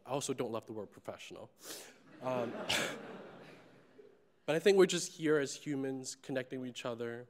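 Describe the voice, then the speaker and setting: A young Chinese man, the conference organizer, gives personal closing remarks from a large stage, holding a handheld microphone. His medium-pitched voice is candid and earnest, broken by hesitations and fillers, and the big hall adds long reverb.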